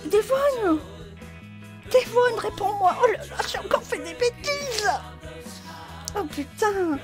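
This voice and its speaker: Game role-play part: woman playing tipsy, joyful female boxer, extremely high voice, lisped s, animated delivery, faint music. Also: slow, heavily acted. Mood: panicked, apologetic. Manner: lisps, saying sh-like sounds for s.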